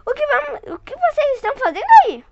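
Brave, teasing little girl; woman doing the voice, lively pitch, muffled recording. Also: unhurried, noisy background, heavily acted. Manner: teasing and scornful. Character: bold cheeky little girl unafraid.

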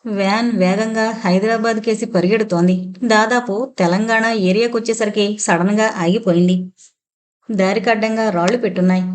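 A woman reading a suspense novel aloud in a measured, scripted narration. Her voice sits at a middle pitch and carries the story steadily, without hurry. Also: darkish tone.

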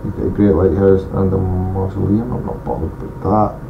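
A low, gravelly man's voice at normal speed comes over music as he plays a strategy game and comments on his moves, relaxed and thinking aloud with mumbled asides. He's a gaming channel host doing let's play commentary in a regional accent he says some may not follow. The dull lo-fi home mic carries a loud hiss.

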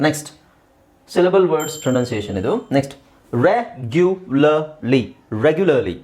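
An English teacher with a Kannada accent, drilling pronunciation by saying each word slowly and then repeating it more quietly, with quick explaining asides in between. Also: medium pitch, very animated.

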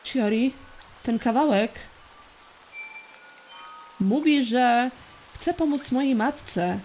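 A woman voicing an anxious, self-sacrificing young girl, reading the game's dialogue in a soft dubbing manner. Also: a little high, extremely slow, a little hiss or hum. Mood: urgent. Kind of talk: reading game dialogue aloud.

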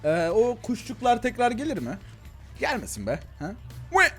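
A young man talks fast and animatedly over his gameplay. His voice is high and bouncy, swinging between thin and deep tones. Faint music plays behind him. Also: breathy edge. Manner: excitable, chatty, talks to viewers as "gençler" and "abi", frequent laughs. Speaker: gaming YouTuber. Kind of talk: casual Let's Play commentary.

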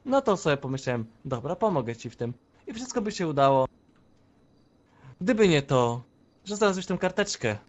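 A man's voice: on the high side, very animated, normal speed, long pauses. A man playing a gloating gang traitor. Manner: taunting and confrontational. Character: scheming male gang member who betrays his boss. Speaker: role-play gamer. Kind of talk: online game role-play.

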